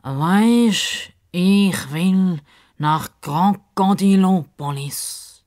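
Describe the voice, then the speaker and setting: Using a low-ish, darkish voice and a Swiss German accent, a woman plays a pompous male crocodile in a children's tale. He's self-important and dreamy, and she speaks deliberately in a grandly dreamy mood.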